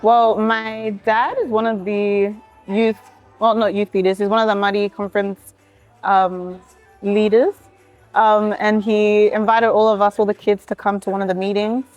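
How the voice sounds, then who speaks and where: A woman's voice: mid-range voice, little pitch movement, normal speed, a little mellow, muffled recording, soft background music. A young woman answering an interview in a chatty way, with many likes and ums. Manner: chatty, says like and um.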